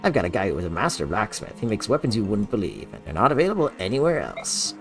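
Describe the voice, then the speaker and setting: A man's voice: on the low side, wildly swooping pitch, fast talker, vocal fry, faint music behind, full character voice. A man voicing a friendly, chatty male blacksmith selling his wares.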